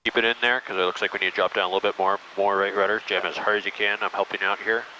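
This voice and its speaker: Fast, bright male flight instructor on calm intercom. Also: lowish voice, lo-fi sound. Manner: encouraging, step-by-step coaching. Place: small airplane cockpit in flight. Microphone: aviation headset. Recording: noisy aircraft cockpit intercom.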